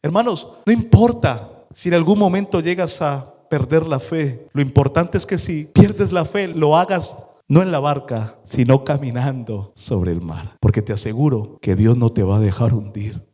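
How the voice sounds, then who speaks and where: A man's voice: mid-range voice, lively intonation, moderate pace, mellow. A male pastor preaching a sermon, telling the story dramatically and acting out the scenes as he goes. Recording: long hall reverb.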